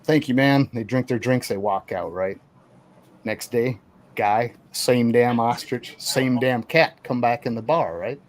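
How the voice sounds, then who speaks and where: A man's voice: medium pitch, unhurried. A man telling a long bar joke in casual chat, keeping listeners with "right?" as he goes. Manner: loose storyteller with a lot of "right?". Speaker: podcast co-host.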